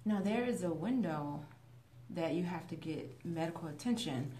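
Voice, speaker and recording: Low-voiced woman host in an echoey room. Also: moderate pace. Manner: informative, steady, explaining. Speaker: radio talk show host. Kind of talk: radio talk show interview. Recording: echoey room with faint hum.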